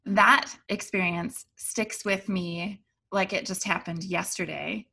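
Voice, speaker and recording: Bright, gravelly woman telling a story. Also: on the low side. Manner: animated, rambling with fillers like "like". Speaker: guest telling a spiritual story. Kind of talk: casual storytelling.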